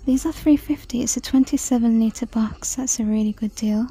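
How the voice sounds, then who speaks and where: A woman chatting through a shopping walk-through in a large store, reading out prices and sometimes dropping to a soft whisper, filmed on a handheld phone. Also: fairly high pitch, normal speed, husky, soft background music. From United Kingdom. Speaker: shopping vlogger. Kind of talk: casual shop-with-me commentary. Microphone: handheld phone camera.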